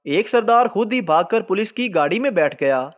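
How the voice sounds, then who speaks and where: A man reading out a string of short jokes as scripted narration, in an unhurried storytelling manner. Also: high voice, expressive, highs cut off. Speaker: joke teller.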